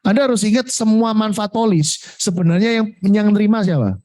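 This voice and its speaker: A man giving a coaching talk to insurance agents, lively, mixing in English words and acting out what clients say. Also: high voice, brisk. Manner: lively, mixes in Javanese and English words, acts out client replies. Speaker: sales coach.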